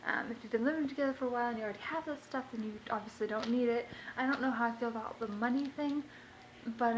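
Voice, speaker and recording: A woman's voice: fairly high pitch, a bit bright. A young woman talking casually in a rambling vlog monologue from her kitchen at home, full of fillers. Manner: rambling, chatty, many fillers. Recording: noisy home recording.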